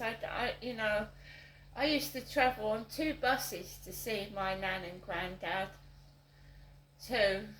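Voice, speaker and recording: A vlogger from South East London rambles casually and slowly in a monologue while out walking her dog, meandering with frequent ums and restarts. Her voice is medium-pitched and a bit bright, and the sound is roomy with a little hiss or hum.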